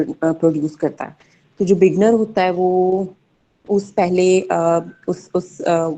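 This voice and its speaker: A young woman presents to her class in a mellow, somewhat low voice. She halts often and fills her pauses as she explains. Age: young adult. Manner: hesitant, many fillers, mixes Hindi-Urdu and English. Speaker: student presenter.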